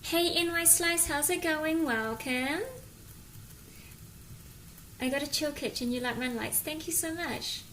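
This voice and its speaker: She speaks high-pitched and a bit bright, taking her time and pausing often, in a broad New Zealand accent as she casually hosts a cooking livestream and greets those watching. A phone a little way off records her home kitchen, which sounds echoey, with a pan sizzling, stirring and plenty of clear kitchen noise.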